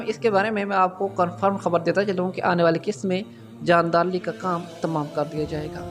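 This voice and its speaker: A man hosting a drama review channel, speaking in a formal commentary style and often addressing his viewers directly with a raised, emphatic voice. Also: high-pitched. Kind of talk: scripted-sounding video commentary.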